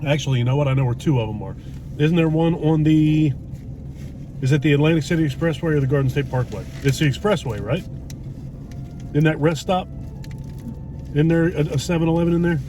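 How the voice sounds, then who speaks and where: Sitting in a parked car in a driveway, a middle-aged food vlog host rambles through a casual, blunt chat with some mild profanity. He speaks on the high side, a little quickly, pausing often, against noisy road hum in the car.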